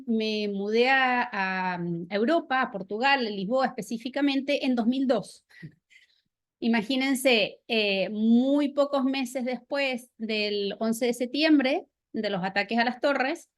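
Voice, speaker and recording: Lady, middle-aged, kinda high voice, lots of eh's and restarts, academic talk. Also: a little slow. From Argentina. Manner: thoughtful, hesitant, with many fillers and restarts. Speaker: academic speaker. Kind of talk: workshop talk.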